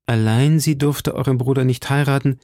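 A man's voice: mid-range voice, steady tone, moderate pace, mellow, dry recording, clean studio sound, close to an everyday voice. A man reading an audiobook and voicing an earnest, eager young musketeer.

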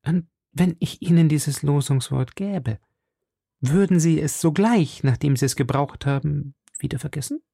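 A man's voice: on the high side, normal speed, vocal fry, warm tone, slightly rough, dry recording, clean studio sound, voice pushed up. A man voicing a frightened young woman in hiding, pleading urgently with her rescuer in a raised voice. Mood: earnest. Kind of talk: audiobook character voice.

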